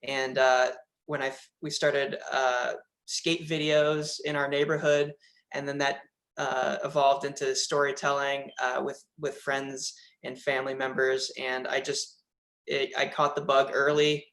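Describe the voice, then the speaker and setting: A filmmaker introducing himself on a video-call panel, halting and full of uhs. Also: male voice, mid-range voice, flat delivery, fairly bright tone. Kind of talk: panel discussion, personal intro.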